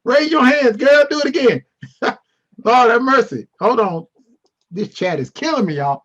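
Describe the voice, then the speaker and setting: A man's voice: very high-pitched, lively intonation, measured pace, a bit bright, highs cut off. A man teaching a casual online Bible class over a video call, playful and teasing as he answers the chat.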